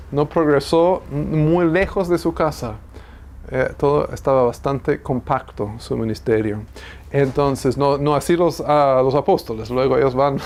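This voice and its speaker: A man's voice: on the high side, darkish tone. Man teaching a Bible class. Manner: thinking aloud, self-correcting, asks the class questions.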